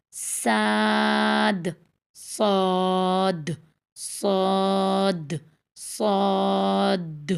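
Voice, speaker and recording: A woman teaching a tajweed lesson, repeating letter sounds slowly and drawn out as she explains how to pronounce them. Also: medium pitch, creaky, darkish tone. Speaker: Quran recitation teacher.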